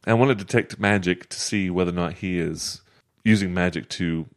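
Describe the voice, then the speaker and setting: Deep-voiced man playing a tabletop game. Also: moderate pace. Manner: easygoing, thinks aloud. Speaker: player. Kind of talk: casual tabletop play.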